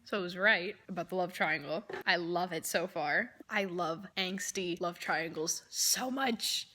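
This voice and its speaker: A woman's voice: lowish voice, measured pace, pushed and bright. A woman chatting casually to camera about her reading, effusive and rambling, with a lot of "like" in her speech. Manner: effusive, rambling, uses "like" often. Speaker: book vlogger.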